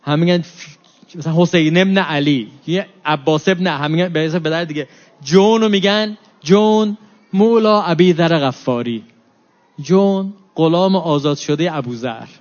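A man preaching a mourning sermon, reciting Arabic lines and then explaining each one in Persian. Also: a little high. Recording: dull lo-fi recording.

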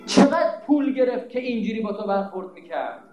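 A man's voice: sits high, very animated, echoey room, highs cut off, faint music behind. A man giving a religious sermon, emphatic and scolding, asking rhetorical questions. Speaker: preacher.

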